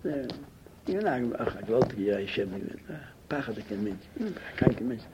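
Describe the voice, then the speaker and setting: An older man telling his memories in an interview, in halting, fragmented speech that keeps repeating words, on a muffled, hissy lo-fi tape. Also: on the low side, big pitch swings. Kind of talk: oral history interview. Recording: muffled lo-fi tape with loud hiss.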